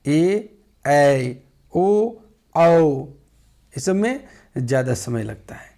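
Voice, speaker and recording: Slow-speaking male Hindi grammar teacher. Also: mid-range voice, animated, a little mellow. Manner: slow, explanatory, asks the class questions.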